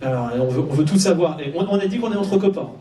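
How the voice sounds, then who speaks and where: Fast and expressive, a man with a high-pitched voice and dark tone hosts a live fan event in a cinema auditorium. He chats and teases the audience informally during a casual stage interview, captured on a distant mic in an echoey hall with crowd noise behind him.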